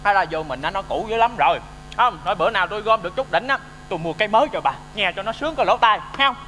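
A man with a Southern Vietnamese accent playing a patient, teasing old husband in a stage comedy sketch, talking in a quick, lively and joking way. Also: high voice. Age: older. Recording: reverberant stage with faint music.

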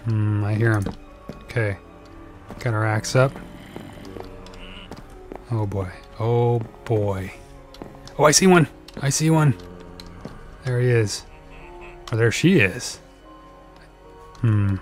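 A man commentating his own video game play, talking to himself nervously and breaking into excited yelps when danger appears. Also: fairly low pitch, takes it slowly, long pauses. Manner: nervous, self-talking, frequent "oh boy", jumps to excited yelps. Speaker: let's play gamer. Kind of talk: gameplay commentary. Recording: game music behind the voice. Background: game music.

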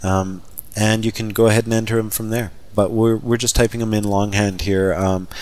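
A man teaching a software scripting lesson over a screen recording, talking casually and thinking aloud with fillers as he types. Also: lowish voice, flat delivery, normal speed. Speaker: software trainer. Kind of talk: screen-recorded coding tutorial.

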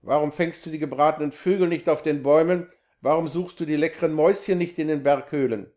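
Harsh scolding sorcerer, male, scheming, read by a man, higher voice. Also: fairly even intonation, moderate pace, darkish tone, lightly acted.

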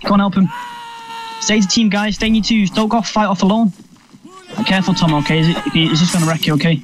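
A man's voice: high voice, fairly even intonation, fast talker, a little hiss or hum. A man leading his regiment over voice chat during an online game battle, giving terse commands and swearing freely.

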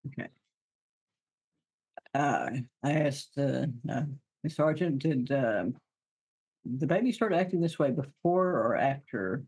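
A man at a tabletop game who speaks haltingly, with many fillers and restarts. His voice is husky and mid-pitched. It sounds dry and close to the mic. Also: lively intonation, darkish tone, no room sound, low-quality recording. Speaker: player. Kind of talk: casual tabletop game talk, partly in character.

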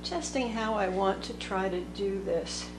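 Lady painting and talking slow, echoey room, music playing under her. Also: mid-range voice. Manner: slow, thinking aloud while painting. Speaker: watercolor teacher. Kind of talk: unscripted painting tutorial narration. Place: indoor table workspace. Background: soft instrumental music.

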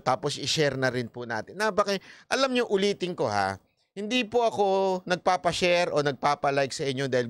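A man's voice: fairly high pitch, fairly bright tone, smooth, no room sound. A man hosting a casual political commentary stream, teasing his viewers and laughing often. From Philippines. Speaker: political vlogger host.

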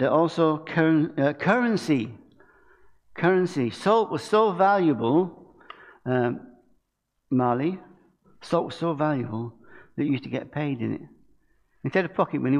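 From the lectern of a church hall stage, an older Englishman preaches informally, conversing with the congregation and asking them questions. His voice is mid-range with vocal fry, and the sound is lo-fi.

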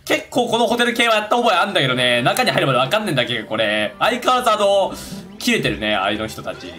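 An excitable man giving casual let's-play commentary, talking to himself as he plays. His voice is bright and lively, swinging widely in pitch at a quick clip, with faint game music behind him. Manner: excitable, talks to himself while playing. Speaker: gaming YouTuber.

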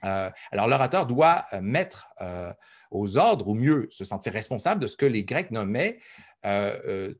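Speaking at a moderate pace in a mid-range, slightly rough, sing-song voice, a man delivers a recorded university lecture. He talks conversationally and thinks aloud, with many fillers and repeated words.

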